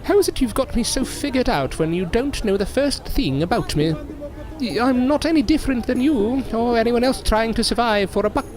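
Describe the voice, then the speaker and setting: In an audio drama, a performer voices a proud yet polite circus newcomer who comes across as defensive. The delivery is earnest, formal and at times hesitant, in a medium-pitched, near-everyday voice with lively intonation and a moderate pace.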